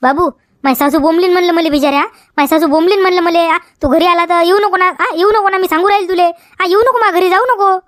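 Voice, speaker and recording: A woman's voice: very high-pitched, fairly even intonation, quick pace, dry recording, studio quality. A woman with a Vidarbha Marathi accent playing a quarrelsome village wife who argues back and repeats her questions in a comedy sketch. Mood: dismissive. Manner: argumentative, repeats questions, tags "हा?".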